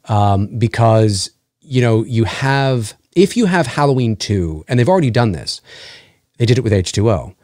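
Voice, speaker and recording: A man's voice: lowish voice, a little mellow, no echo, clean studio sound. A man, a voice actor guest on a podcast, talking at length in casual chat, often restarting and groping for words. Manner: talkative, gropes for words and restarts mid-thought.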